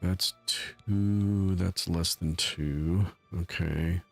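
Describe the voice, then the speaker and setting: A man chats his way through a live game stream in a deep voice with a gravelly, fried edge. He rambles and pokes fun at himself as he talks to his viewers, with faint music playing underneath. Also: fairly even intonation, very slow. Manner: rambling, self-mocking, talks to chat. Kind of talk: casual live-stream commentary.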